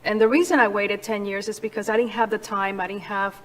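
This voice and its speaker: A woman's voice: medium pitch, steady tone, brisk, low-quality recording. A middle-aged woman from Cuba speaks as a guest in an interview. She tells her story earnestly and with passion. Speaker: guest, charity founder. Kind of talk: interview conversation.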